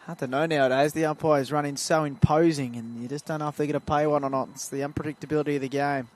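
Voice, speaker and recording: A man's voice: fairly high pitch, fairly even intonation, quick pace. A man with an Australian accent calling amateur football play-by-play in a chatty way, rising when play picks up. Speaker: play-by-play commentator. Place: at a suburban football ground.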